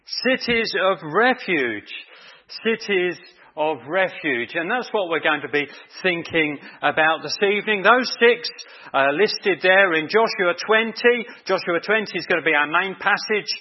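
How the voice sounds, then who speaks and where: A man's voice: high voice, moderate pace, muffled recording. A man preaching an evening sermon in a chatty way, quizzing the congregation with questions.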